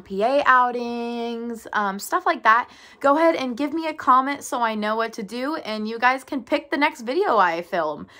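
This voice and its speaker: A woman's voice: on the high side, pushed and bright. Bubbly, giggly young woman vlogger. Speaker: service dog trainer and vlogger. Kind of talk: casual vlog chat to followers.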